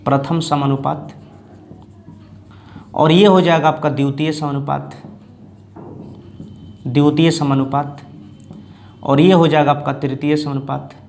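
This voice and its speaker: Math teacher guy, a bit high voice, says each step twice and keeps asking "ok?". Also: steady tone, gravelly, a little mellow, slight background noise. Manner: repeats terms slowly, checks in with "ठीक ना" and "दोस्तों". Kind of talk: chalkboard math lesson.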